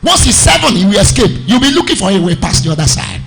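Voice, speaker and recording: A Nigerian man preaching a sermon, half-shouting and half-singing his phrases and often checking in with the congregation. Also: high voice, very animated, quick pace, vocal fry. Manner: keeps asking the crowd "Am I talking to somebody?". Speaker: pastor. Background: music.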